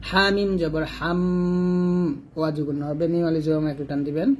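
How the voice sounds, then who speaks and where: A man's voice: on the high side, moderate pace, a little hiss or hum. Patient Bangladeshi male Quran teacher. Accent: Bangladeshi Bengali. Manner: patient, drills syllables then recites them drawn out. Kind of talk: spelling out and slowly reciting verses for learners.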